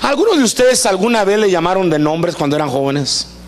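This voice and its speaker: Male pastor, high voice, animated comic preaching full of questions to the crowd. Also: fairly quick. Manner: animated and joking, acts out voices; asks the congregation questions often. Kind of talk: live Spanish sermon. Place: church service before a congregation.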